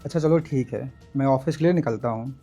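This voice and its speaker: An actor playing a gentle young husband who speaks softly and reassuringly. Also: male voice, mid-range voice, brisk, soft background music, natural voice. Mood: easy. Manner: soft, reassuring. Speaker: actor in a short drama. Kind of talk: Hindi short-film acting.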